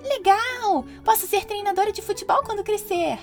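A woman voicing a bossy, sporty little girl in a children's story, speaking with emphatic brightness. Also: very high voice, sing-song, moderate pace, faint music behind, voice pushed up. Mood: thrilled.

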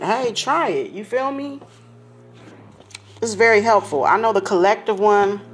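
Upbeat slangy woman podcast host. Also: lowish voice. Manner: upbeat, slangy and chatty, addresses listeners directly; smiling and laughing as she talks. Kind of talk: casual podcast chat.

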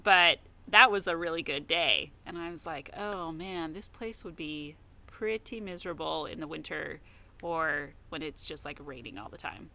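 A woman's voice: low voice, moderate pace, vocal fry. An American woman co-hosting a book podcast, chatting casually and telling a travel story. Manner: storytelling, relaxed. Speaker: podcast co-host.

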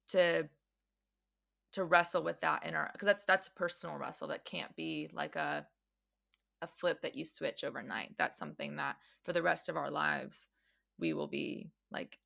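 In Australia, a podcast host of Mexican American background conducts a relaxed interview, thinking aloud with many restarts and fillers. She has a deep, creaky, somewhat bright voice with lively intonation and a measured pace.

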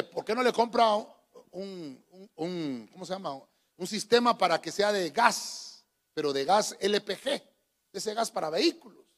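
Lively, joking man preaching a sermon. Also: sits high, vocal fry. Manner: folksy, joking, calls the congregation "hermano". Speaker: pastor. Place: church. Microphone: handheld microphone.

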